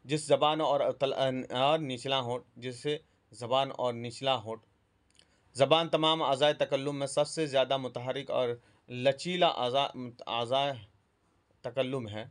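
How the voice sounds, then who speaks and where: A man giving a spoken lesson on speech sounds, pausing often, correcting himself and dropping in English terms. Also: medium pitch, fairly even intonation. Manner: halting, self-correcting, mixes English terms. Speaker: teacher. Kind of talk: spoken lecture on phonetics.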